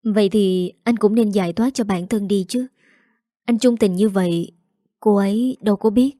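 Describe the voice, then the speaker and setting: A woman voicing a gentle, earnest young woman quietly in love. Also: medium pitch, moderate pace, no echo, clean studio sound, close to an everyday voice.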